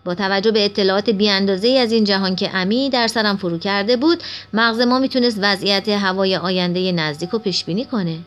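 A woman reading a first-person children's story aloud at a steady pace. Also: mid-range voice. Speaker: audiobook narrator.

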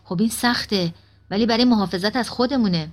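A woman reading the lines of a suspicious, angry middle-aged family man in an audiobook, in a gruff and defensive manner. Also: mid-range voice, soft background music, natural voice. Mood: grudging.

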